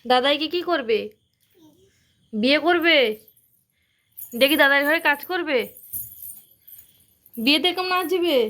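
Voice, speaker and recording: High, sing-song coaxing woman. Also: takes it slowly, long pauses, pushed and bright. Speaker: adult filming a small girl. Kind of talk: home video, talking to a toddler.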